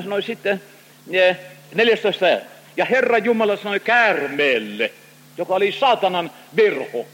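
A man preaching a sermon, expressive and full of small hesitations as he reads and explains scripture. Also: high-pitched, in a large hall, low-quality recording.

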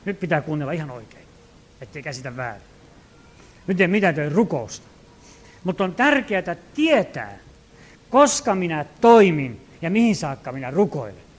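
A male pastor preaching a sermon, earnest, swinging from loud calls to hushed asides, acting out quoted prayers. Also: on the high side, very animated, long pauses. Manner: acts out quoted prayers and commands.

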